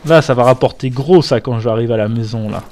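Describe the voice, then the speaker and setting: A man's voice: mid-range voice, fast talker, a little mellow. A young man chatting casually through gameplay commentary, swearing freely and wandering into asides. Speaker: gamer. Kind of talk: let's play commentary.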